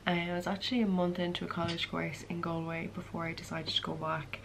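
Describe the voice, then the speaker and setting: Her voice is gravelly and fairly low, moving at a quick pace with a level tone, over a faint hiss or hum. She's a content creator in her early twenties with a west of Ireland accent, casually chatting to camera in a Q and A vlog.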